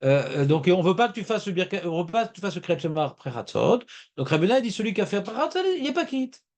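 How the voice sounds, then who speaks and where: A man's voice: sits high, big pitch swings, fast, darkish tone. A man teaching a Talmud class, talking emphatically and repeating his points as he explains. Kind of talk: lively Talmud class discussion.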